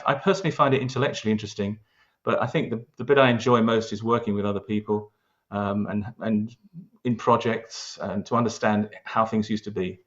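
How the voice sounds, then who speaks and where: A London-accented man, an award-winning local historian, speaks earnestly in an interview about local history, with many hesitations and false starts. His voice is lowish with a fairly bright tone, though the audio itself sounds dull.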